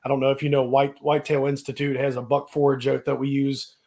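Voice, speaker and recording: An easygoing man co-hosting a live chat, speaking at a middling pitch. He talks plainly and leans on lots of "you know" fillers. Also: monotone, quick pace, mellow. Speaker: co-host.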